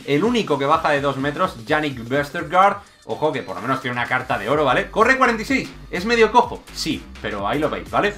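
Excitable young gaming commentator. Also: male voice, fairly high pitch, soft background music. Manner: excitable, jokey, rapid shifts between shouts and mutters. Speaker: gaming YouTuber. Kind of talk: energetic gameplay commentary.

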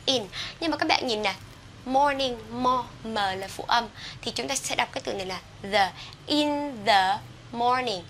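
Bright-voiced Vietnamese woman teaching English. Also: a little high, a little hiss or hum. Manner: slow, drawn-out model words between quick explanations. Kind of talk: pronunciation lesson.

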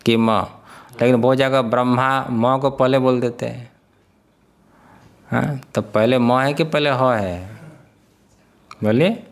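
A male spiritual teacher leads a scripture class at a middle pitch. He keeps asking his listeners questions, chuckles now and then, and slowly drills the pronunciation of syllables. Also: steady tone. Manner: questioning, quizzes the listeners often. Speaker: Vedanta teacher.

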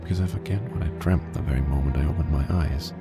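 Loud game music plays beneath this game audio as a man voices a tired, grim private eye narrating a horror title. His very deep, gravelly delivery is slow, flat and brooding, a scripted noir telling of the story.

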